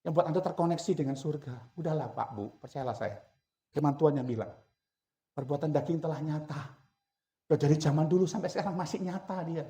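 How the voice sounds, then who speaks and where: Animated male pastor preaching. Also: fairly high pitch, a little fast. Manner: animated preaching that swings between loud emphasis and hushed asides; chatty, addresses listeners directly. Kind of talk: sermon. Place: church service with a congregation present.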